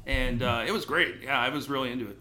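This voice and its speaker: A man's voice: mid-range voice, fast, pushed and bright. A man co-hosting a podcast in a bar, chatting in an easygoing, agreeable way. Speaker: podcast co-host. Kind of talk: casual chat.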